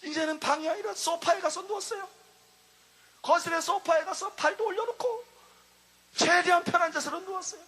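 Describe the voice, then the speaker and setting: A man's voice: very high-pitched, a little fast, pauses often, pushed and bright. A male pastor preaching a fervent, emphatic sermon to a congregation.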